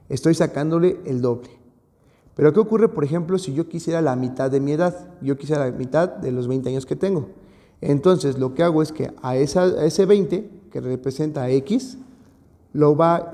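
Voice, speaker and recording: A man with a slightly raised, mellow voice walks through an algebra lesson for video. He explains patiently and repeats each key point. The recording has a long reverb tail, as if made in a large room. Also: a little high. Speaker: math teacher.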